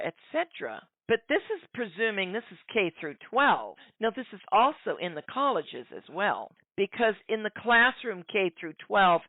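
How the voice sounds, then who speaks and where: A woman's voice: mid-range voice, dry recording. Sarcastic middle-aged woman commentator. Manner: sarcastic, addresses listeners as folks. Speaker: political commentator. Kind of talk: political commentary monologue. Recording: dry, tinny phone-like sound.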